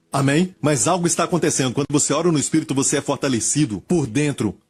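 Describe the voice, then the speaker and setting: A man's voice: medium pitch, a little mellow, breathy edge. A man preaching and leading prayer, fervent and repetitive, calling out healing commands. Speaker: pastor.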